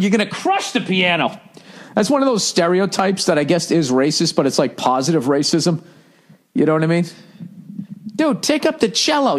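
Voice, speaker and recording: On his podcast, a middle-aged American man reads listener letters and responds with a casual, profane advice rant. He's blunt, swears a lot, and mocks with put-on voices in a higher pitch.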